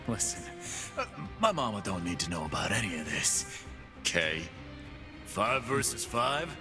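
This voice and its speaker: Over game music, an actor delivers voice lines as a cocky, brawling half-beast man who runs fighting pits, swaggering, boasting and throwing tough-guy taunts. His voice is lowish and very animated, and he takes his time.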